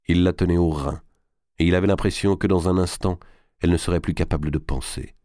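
Deep-voiced male audiobook narrator. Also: steady tone, a little fast, mellow, no echo, clean studio sound. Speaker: audiobook reader. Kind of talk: scripted narration of a historical novel.

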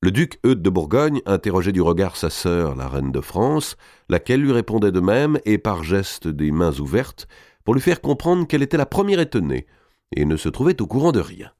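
A man's voice: low voice, sing-song, normal speed, darkish tone, no echo, studio quality. A man narrating a historical novel as an audiobook, reading expressively and dramatically.

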